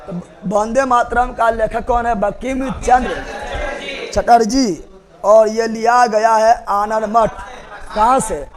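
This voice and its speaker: High-voiced man drilling a history class. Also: steady tone, slow. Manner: drills facts by repetition, quizzes students. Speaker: teacher.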